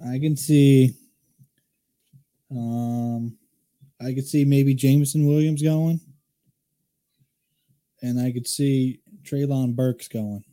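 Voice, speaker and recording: Dark-voiced man ranting about football. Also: mid-range voice, fairly even intonation, slow pace, pauses often. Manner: rambling, opinionated, frequent restarts. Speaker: podcast co-host. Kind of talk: casual sports chat.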